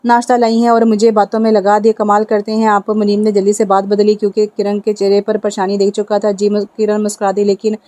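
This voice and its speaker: Even-toned woman reading a novel aloud. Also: medium pitch, fast talker, few pauses, no echo. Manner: reads all parts herself in an even tone. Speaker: novel narrator. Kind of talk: dramatic audiobook narration with voiced dialogue.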